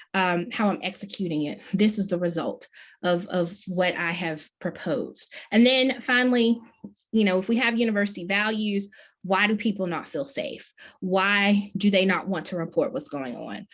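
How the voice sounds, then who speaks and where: A middle-aged woman, a professor, delivering a conference keynote in an earnest, emphatic way, with many questions. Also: mid-range voice. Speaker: plenary speaker, professor.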